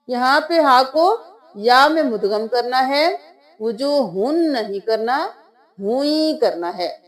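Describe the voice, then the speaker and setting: Woman Quran tutor with a Pakistani Urdu accent, high voice, patient step-by-step spelling-out of letters. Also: animated. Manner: patient step-by-step explaining, then slow drawn-out chanting of verses. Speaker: Quran recitation teacher. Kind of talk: spelling-out recitation lesson.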